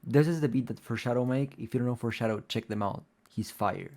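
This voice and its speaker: A young music producer whose first language is Spanish rambles loosely through a tutorial, packed with fillers like "like" and "um." His mid-range voice moves fast.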